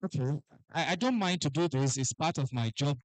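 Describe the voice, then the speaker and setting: A man hosting a live event as master of ceremonies, lively and forever calling for applause. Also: on the high side, fairly quick, no echo, rough recording. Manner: lively, keeps urging the crowd to applaud.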